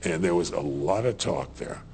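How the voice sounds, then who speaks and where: A man with a gravelly voice telling animated stories in a documentary interview. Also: deep voice, normal speed, a little hiss or hum.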